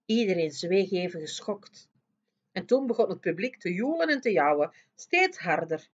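Een vrouw die een kinderboek hardop en expressief voorleest. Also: female voice, fairly low pitch, normal speed, slightly rough, highs cut off. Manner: expressive, lively storytelling. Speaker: storyteller reading aloud. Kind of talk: reading a children's book aloud.

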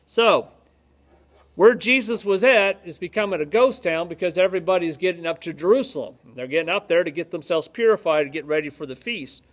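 Indoors in an office-like room lit by ceiling lights, a male pastor gives a casual Bible teaching, speaking a little fast in a voice that sits high. He jokes as he goes, keeping things conversational, and his emphasis climbs when he reads scripture aloud.

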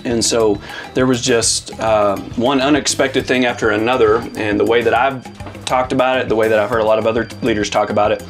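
A man's voice: fairly low pitch, fairly even intonation, brisk, faint music behind. A man who leads a church, chatting casually and reflecting earnestly in long, loose sentences, from Arizona. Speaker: lead pastor. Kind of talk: casual interview chat.

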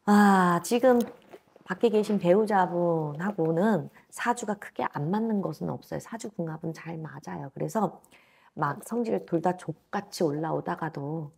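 A woman fortune teller in her thirties reads a client's fate in a blunt, emphatic way. Her voice sits fairly low and carries a gravelly, husky edge. She talks into a lapel mic in a small indoor office. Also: moderate pace, a little mellow. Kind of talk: fortune-telling consultation.

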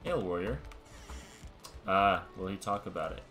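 A man hosting a let's-play, explaining game mechanics step by step in a relaxed, casual way. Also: low voice, a little slow. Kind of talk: casual gameplay commentary. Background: background music.

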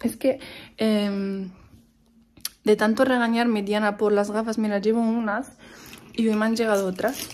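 A woman's voice: medium pitch, steady tone, unhurried, pauses often, a little mellow, a little hiss or hum. A young woman vlogging at home, chatting casually to camera in a rambling way with many restarts.

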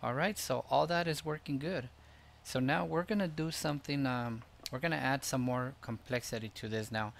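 A man hosting a screen-recorded tutorial, explaining each step in a relaxed way with frequent fillers. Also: medium pitch, normal speed, creaky, hardly any pauses. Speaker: tutorial host.

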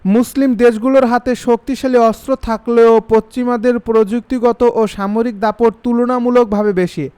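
A man reading international news bulletins in an even, formal scripted manner. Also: very high voice, brisk, clean tone. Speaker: news reader.

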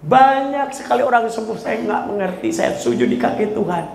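A male pastor preaching a sermon with a personal testimony. He preaches with emotion, builds to loud exhortation and drops English phrases into his talk. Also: sits high, sing-song, normal speed, gravelly, echoey room, slight background noise, low-quality recording. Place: church hall.

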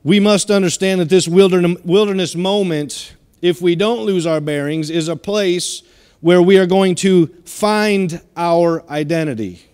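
A man's voice: sits high, a little slow, a little mellow, clean tone, long reverb tail. A middle-aged man preaching a sermon in a church, emphatic and given to repeating his phrases as he exhorts the congregation. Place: church sanctuary.

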